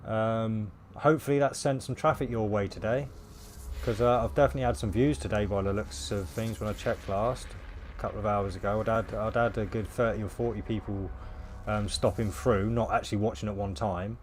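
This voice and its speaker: A man with a hoarse voice, chatting casually with viewers on a game livestream. He rambles and fills pauses with ums and uhs. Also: fairly low pitch, steady tone, a little hiss or hum. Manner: rambling, many fillers, laughs at himself. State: losing his voice, coughing. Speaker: game streamer. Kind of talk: casual live-stream chat with viewers.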